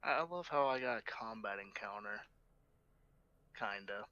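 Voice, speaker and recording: A man's voice: fairly low pitch, expressive, a little slow, bright, forceful tone, no echo, muffled recording. A man playing a tabletop horror game, speaking casually with wry, joking asides. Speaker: player.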